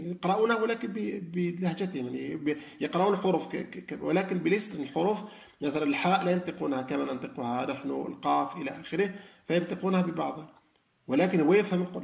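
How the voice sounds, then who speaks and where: A man's voice: a little high, creaky, roomy sound. A man giving a spoken religious lesson, explaining with frequent fillers and restarts. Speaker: lecturer on Quran reflection.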